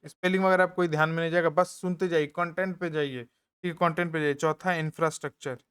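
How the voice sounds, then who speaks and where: A man teaching an exam-prep lesson in casual Hindi, talking quietly so as not to wake others nearby, repeating key points and adding jokey asides, with an eastern Uttar Pradesh accent. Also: fairly high pitch, steady tone, quick pace, smooth. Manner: speaks softly to avoid waking others.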